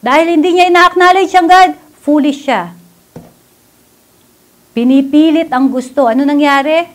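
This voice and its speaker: Filipino woman preacher, fairly high voice, lively and chatty, church sermon. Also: a little slow. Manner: animated, laughs often, asks the audience rhetorical questions. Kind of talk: Taglish sermon.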